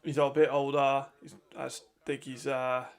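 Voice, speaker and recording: A man's voice: medium pitch, level tone, moderate pace, vocal fry, smooth. A man giving casual, chatty live commentary while watching a football game, laughing often and trailing off mid-thought.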